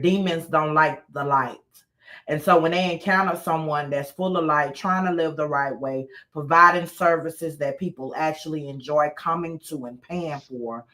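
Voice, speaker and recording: A woman's voice: low-pitched, fairly bright tone. A woman from Louisiana, hosting a live advice talk in an emphatic, folksy way that leans on repeated phrases. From Louisiana, USA. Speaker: host, mental health professional.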